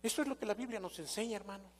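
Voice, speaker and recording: A man's voice: high voice, racing, slightly rough. An older man with a Mexican accent preaching a sermon as pastor, telling stories and putting rhetorical questions to his congregation. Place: church sanctuary. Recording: long reverb of a church hall.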